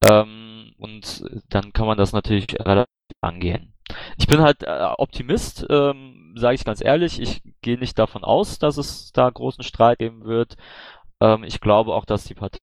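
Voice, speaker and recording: A man's voice: lowish voice, moderate pace, no echo. A man answering questions as a candidate in an online voice chat, hesitant with many fillers and restarts. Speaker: candidate for party board. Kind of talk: online Q&A, casual spoken answers.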